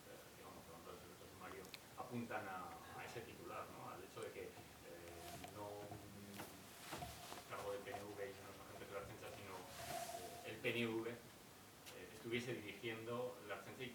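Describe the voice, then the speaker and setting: A man's voice: fairly low pitch, steady tone, normal speed. A male reporter asking a long, winding question at a press conference, with fillers along the way. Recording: distant, echoey, noisy press room.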